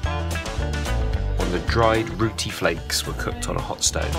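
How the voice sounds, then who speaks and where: Wry man narrating a jungle trip, lively. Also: low voice, slow pace, gravelly. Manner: jokey, wry voice-over commentary. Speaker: travel vlogger. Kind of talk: casual travel vlog narration. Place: outdoors in tropical rainforest. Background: music.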